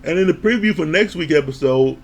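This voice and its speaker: Recapping a reality show casually, a reviewer talks in a slightly higher, gravelly voice at a slightly fast pace. His commentary is loose and animated, offhand, laced with swearing and laughter as he imitates what people on the show said.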